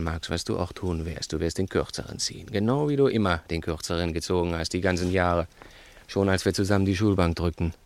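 In a 1960s radio play, a male crook speaks in a low, gravelly voice with a brooding mood. Cunning and menacing, he talks down to his accomplice and drives his point home with insistent, theatrical questions.

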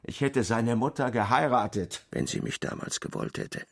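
A gravelly blustering old general. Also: male voice, medium pitch, expressive, normal speed. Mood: shaken. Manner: blustering, gruff. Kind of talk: radio play acting.

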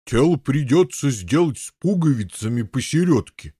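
A man voicing a gruff, grumbling elderly Norman knight in an audiobook, with a husky, blustering manner. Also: medium pitch, expressive, moderate pace, dark tone, no room sound, clean studio sound. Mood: huffy. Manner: blustering, huffy protests. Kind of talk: audiobook character voice.

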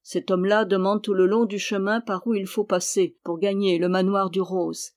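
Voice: mid-range voice, level tone, moderate pace, a little mellow, lightly acted. A reader voicing an impudent, mocking male dwarf jester in an audiobook, cheeky and teasing, speaking in riddles. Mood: sly. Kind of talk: audiobook character reading.

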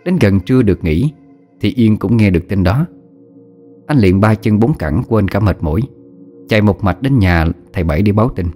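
A man narrating a horror story in a steady, measured storytelling voice. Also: fairly low pitch, soft background music.

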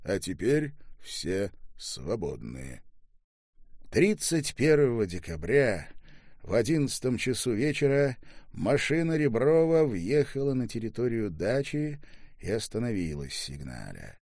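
A man's voice: medium pitch, big pitch swings, moderate pace, a little mellow, no echo, studio quality. A man reading a novel aloud as narrator, moving between narration and the voices of the characters. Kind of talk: audiobook narration.

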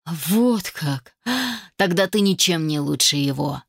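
A woman's voice: low-pitched, slow pace, gravelly, dry recording, clean studio sound, exaggerated voice. A woman reading an audiobook voices a jealous young man who talks with bitter spite. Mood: sneering.

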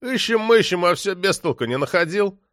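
A man's voice: high-pitched, expressive, normal speed, a bit bright, dry recording, clean studio sound, pitched above the performer's own voice. A man voicing a cocky young street thug who taunts with false friendliness in an audiobook. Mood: mocking.

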